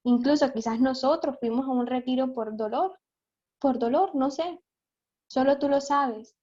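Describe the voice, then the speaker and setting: A woman gives an earnest, prayerful devotional talk to a youth group. Her voice sits fairly high, and the audio is dull and lo-fi. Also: measured pace, dark tone.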